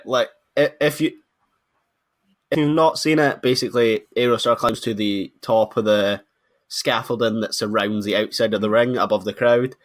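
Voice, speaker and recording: A British man with a fairly low voice talks casually as a podcast co-host. He tells things in a chatty, informal storytelling manner. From United Kingdom. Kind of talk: casual chat.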